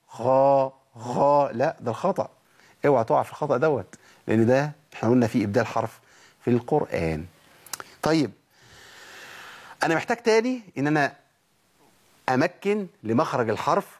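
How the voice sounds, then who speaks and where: A man with an Egyptian accent leads a Quran pronunciation lesson, his voice a little husky and sitting at an ordinary middle pitch. He works through each sound patiently, repeating syllables slowly so students hear the right and wrong forms. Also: darkish tone. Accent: Egyptian Arabic. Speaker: Quran recitation teacher. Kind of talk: tajweed lesson, demonstrating letter sounds.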